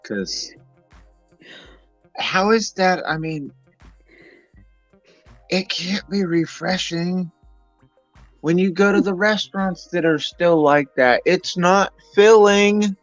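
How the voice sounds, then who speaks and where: A man from the San Diego area hosting a casual chat, telling stories in a relaxed, rambling way. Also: sits high, takes it slowly, pauses often, no echo, highs cut off, faint music behind. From San Diego area, United States. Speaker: host.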